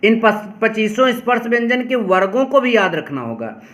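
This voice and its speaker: A male teacher giving a lesson, repeating each definition slowly and calling on his students to pay attention. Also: high voice, big pitch swings, fairly bright tone. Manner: addresses students directly, often says "pay attention". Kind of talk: classroom lesson explaining grammar.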